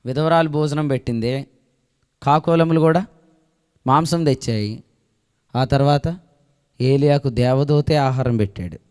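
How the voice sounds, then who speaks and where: A male pastor preaching a sermon who keeps asking the congregation questions and swings between loud declarations and soft asides. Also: medium pitch, measured pace, pauses often, clean tone. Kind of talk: Telugu sermon. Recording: long echo of a hall.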